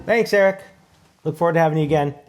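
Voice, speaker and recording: A man's voice: a little high, quick pace, over loud music. A man hosting a casual parlor show, introducing guests over video chat. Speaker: host.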